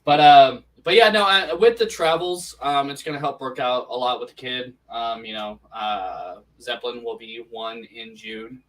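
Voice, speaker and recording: A man's voice: medium pitch, normal speed, hardly any pauses, a bit bright, distant mic. A man chatting casually on a podcast, rambling with many restarts, his voice sounding tinny and metallic, as if in a tin can. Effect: tinny tin-can sounding microphone. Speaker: podcast co-host. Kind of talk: casual chat. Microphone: poorly set up home microphone.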